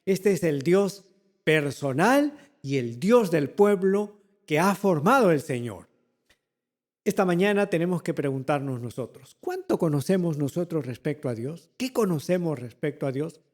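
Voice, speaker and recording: Male pastor, high voice, slow deliberate sermon delivery with repeated phrases and rhetorical questions. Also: lively intonation, darkish tone, in a large hall. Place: church.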